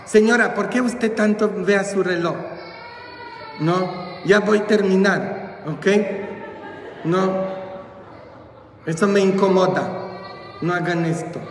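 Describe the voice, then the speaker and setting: A man's voice: high voice, slow pace, pauses often. A male priest preaching at a church retreat, joking and teasing the congregation as he talks. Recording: echoey church from far off.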